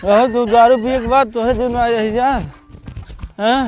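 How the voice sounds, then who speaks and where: A man's voice: very high-pitched, level tone, a little slow, background noise. A man playing a drunk village son in a rural comedy sketch, slurred and rambling, repeating himself in a Bhojpuri accent. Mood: pestering.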